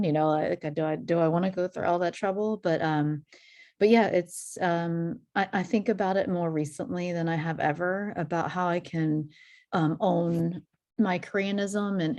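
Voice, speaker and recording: Female panelist with a low-pitched voice. Candid, personal, conversational tone. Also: a little mellow. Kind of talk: panel discussion on a video call.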